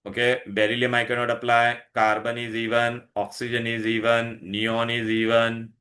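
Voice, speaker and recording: A man's voice: medium pitch, monotone, normal speed, pushed and bright. A man with an Indian accent teaching a lesson, instructive and repetitive, often stopping to check that pupils follow. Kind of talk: online science lesson, questioning pupils.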